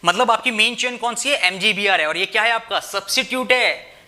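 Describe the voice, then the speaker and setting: Bright-voiced young male chemistry teacher. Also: sits high, brisk. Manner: repeats "theek hai" and asks rhetorical questions; addresses students as "bhai". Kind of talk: explaining at a whiteboard, Hindi-English mix.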